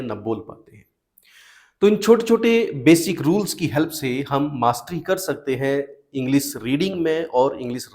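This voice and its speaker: Slow, patient male teacher. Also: fairly high pitch, darkish tone. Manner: slow, patient, asks questions then answers them. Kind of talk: explaining spelling rules to students.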